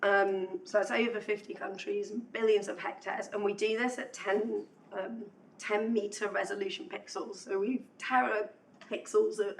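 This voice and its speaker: A woman's voice: mid-range voice, gravelly. A woman giving a technical conference talk while losing her voice, chatty and self-deprecating, with many ums. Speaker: conference speaker. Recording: distant voice with faint hum.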